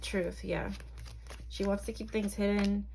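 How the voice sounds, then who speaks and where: A woman's voice: medium pitch, little pitch movement, unhurried, creaky, darkish tone, slight background noise. A young woman from Barbados, reading tarot cards to camera in a chatty, hesitant way full of ums and likes. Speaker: tarot reader.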